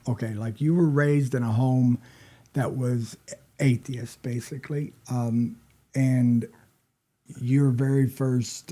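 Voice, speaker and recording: A man's voice: medium pitch, dark tone. An American man hosting a podcast, prompting his guest in a folksy, casual way. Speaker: podcast host. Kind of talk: casual interview.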